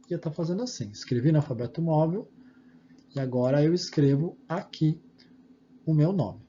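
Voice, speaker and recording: A man's voice: fairly high pitch, warm tone. Patient Brazilian man teaching small kids. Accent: Brazilian Portuguese. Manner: patient, slow and sing-song, spelling out steps for small kids. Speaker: preschool teacher. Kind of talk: explaining homework to young children. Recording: dull lo-fi audio with faint background hum.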